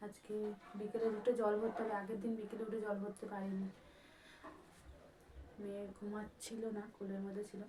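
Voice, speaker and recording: A woman's voice: mid-range voice, completely flat delivery, normal speed, long pauses, distant mic, background noise. A woman casually narrating her day at home for a vlog, chatty and rambling, talking straight to her viewers. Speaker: vlogger. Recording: echoey room.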